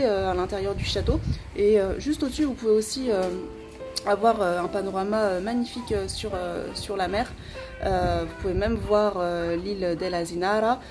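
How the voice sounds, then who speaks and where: A young woman hosting a casual travel vlog outdoors, speaking with many hesitant filler sounds. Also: medium pitch. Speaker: travel vlogger. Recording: outdoor camera audio with background noise.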